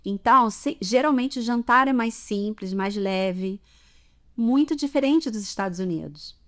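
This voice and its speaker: A woman's voice: a little high, expressive, unhurried, fairly bright tone. Chatty Brazilian woman teaching Portuguese. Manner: chatty, explains with examples, frequent "tá?" check-ins. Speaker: language teacher. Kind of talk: casual podcast lesson.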